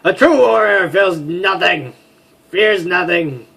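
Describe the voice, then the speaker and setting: A proud winged warrior woman from a game, as a man puts her on, speaking in lofty, solemn pronouncements. The voice sits a little above his usual register and is delivered slowly. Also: high-pitched, gravelly, bright, forceful tone, slightly rough, voice pushed up, exaggerated voice.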